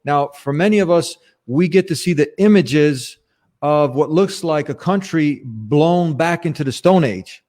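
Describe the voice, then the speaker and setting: A man's voice: a little high, lively intonation, a little slow, darkish tone. Inquisitive male interview host. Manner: inquisitive, prompting questions. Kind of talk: casual interview.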